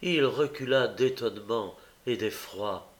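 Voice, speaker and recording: A man narrating a classic novel as an audiobook, reading in a measured way with occasional hesitations. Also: medium pitch.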